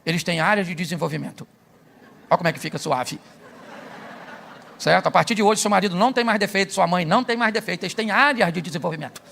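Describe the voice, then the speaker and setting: A man's voice: high voice, fast talker, creaky, fairly bright tone. A middle-aged Brazilian man preaching a humorous sermon as a pastor, telling stories and acting out the dialogue. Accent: Brazilian Portuguese. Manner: storytelling, jokes, acts out dialogue.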